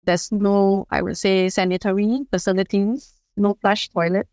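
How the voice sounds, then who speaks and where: A woman in her fifties from Singapore, speaking as a guest in a podcast interview, measured and advisory, often saying "you know". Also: mid-range voice, level tone, darkish tone, no room sound. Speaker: guest, HR leader and board member.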